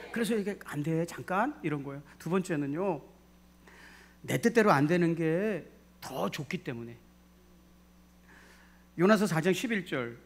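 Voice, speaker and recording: A man preaching from the pulpit of a church, with a slightly higher voice than most men. He is animated, acting out the voices he quotes and calling on the congregation to join in responses. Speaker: pastor. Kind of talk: sermon. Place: church sanctuary.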